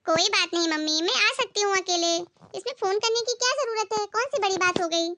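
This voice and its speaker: A woman's voice: extremely high pitch, fairly quick, sharp tone, a little hiss or hum, pitched above the performer's own voice. A woman voicing a kind young married woman who talks with concerned insistence in a cartoon story. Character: kind caring young married sister-in-law.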